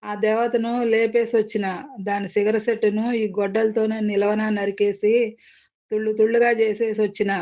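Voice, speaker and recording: A calm, shy middle-aged village man, put on by a woman narrator speaks without any agitation through a quiet smile. The storybook voice is mellow, with a dull, lo-fi tone. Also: medium pitch, natural voice. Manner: calm, unhurried, quietly smiling. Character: calm half-grey village man, shy yet fearless.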